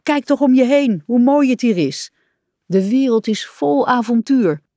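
A woman's voice: medium pitch, lively intonation, measured pace, darkish tone, dry recording, studio quality, natural voice. A woman voicing an impatient, bossy male rat in a storybook, stern and eager for adventure.

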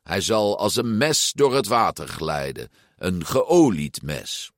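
A man's voice: deep voice, very animated, slow pace, no room sound, studio quality, exaggerated voice. A man voicing a pompous, sneering boy bully in a storybook reading, taunting and jeering. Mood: mocking.

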